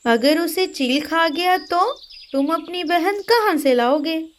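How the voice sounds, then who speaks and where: A woman's voice: extremely high pitch, lively intonation, slow, a little hiss or hum, full character voice. A woman voicing an anxious, caring mother sparrow in a cartoon.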